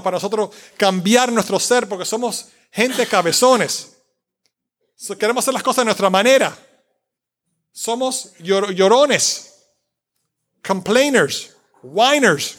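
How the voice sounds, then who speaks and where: A man's voice: high voice, expressive, unhurried, long pauses, a bit bright. A man preaching a sermon in a conversational, joking way, slipping in English words and talking to the congregation.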